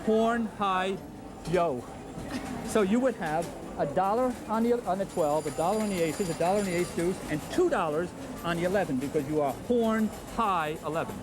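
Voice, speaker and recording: A man's voice: high voice, expressive, normal speed. A man teaching craps odds in an instructional video, patiently drilling the numbers and checking in with "okay?", heard from a worn VHS tape copy. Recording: music underneath, old tape copy.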